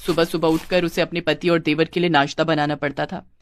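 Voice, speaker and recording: A woman narrating a cartoon family story in a plain, even storytelling voice. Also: low-pitched, a little fast, slight background noise.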